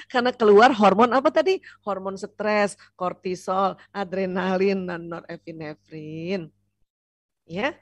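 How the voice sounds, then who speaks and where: A woman giving a seminar lecture on family life, lively and playful, teasing the audience and asking it questions. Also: on the high side, dry recording, studio quality. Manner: asks the audience questions and answers them. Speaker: seminar speaker.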